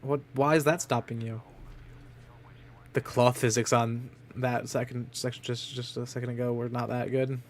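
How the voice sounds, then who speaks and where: A man's voice: medium pitch, little pitch movement, moderate pace. A man chatting casually as he streams a game. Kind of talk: casual chat while playing a game. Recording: clear background noise.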